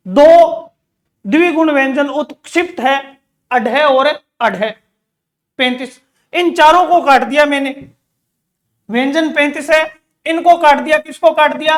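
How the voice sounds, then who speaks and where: A man's voice: extremely high pitch, fairly bright tone. A man teaching an exam-prep grammar lesson, asking questions and answering them himself, repeating key words. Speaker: Hindi teacher.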